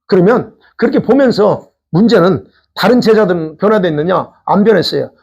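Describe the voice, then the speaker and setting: Gravelly, lively Korean pastor preaching. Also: male voice, high-pitched, moderate pace. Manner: conversational preaching with rhetorical questions. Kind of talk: sermon. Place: church sanctuary.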